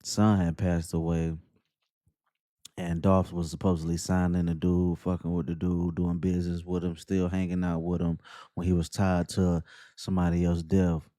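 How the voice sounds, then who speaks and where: Man, very deep voice, dark tone, flat delivery, rambling casual commentary. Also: normal speed, no echo, clean studio sound. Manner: laid-back, rambling, laughs at guests. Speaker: commentary host.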